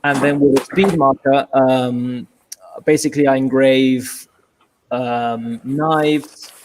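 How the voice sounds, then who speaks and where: A man with a British London accent, Spanish by birth, talking as a guest over a video call in a relaxed, hesitant way with wry humor. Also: medium pitch, slow, background noise. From England. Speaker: guest, furniture maker. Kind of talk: casual video-call interview.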